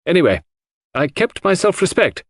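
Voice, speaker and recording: In this audiobook, a man voices a gruff, loyal Englishwoman who is indignant, outspoken, bitter and defensive. His pitch sits high and swings widely, very animated at a normal speed, with short, blunt, clipped sentences. The recording is dry and close, with no echo.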